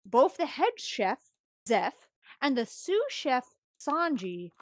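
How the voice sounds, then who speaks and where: High-voiced woman rambling a story recap. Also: takes it slowly, no room sound. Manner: animated, rambling, frequent restarts. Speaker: streamer.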